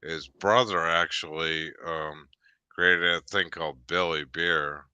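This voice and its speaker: A man in his fifties rambles through a casual chat, tripping over restarts and fillers and occasionally bursting out. His deep but bright, crisp voice moves slowly with fairly even intonation. The lo-fi sound is dry and close, with no room sound.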